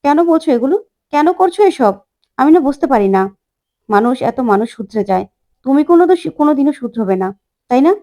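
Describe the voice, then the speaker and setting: A woman's voice: high-pitched, lively intonation, fast talker, pauses often, dark tone. Woman voicing a stern scolding grandmother. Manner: lecturing, moralizing.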